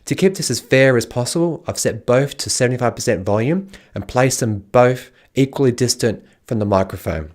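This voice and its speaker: A man's voice: medium pitch, fairly quick, few pauses, darkish tone. A man narrating a casual product review as a video host. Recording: music playing behind the voice.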